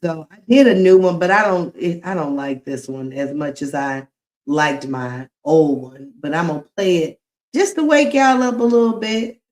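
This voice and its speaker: A woman with a deep, slightly mellow voice is livestreaming, offering casual commentary. She speaks slowly and drawls her words, talking straight to her viewers.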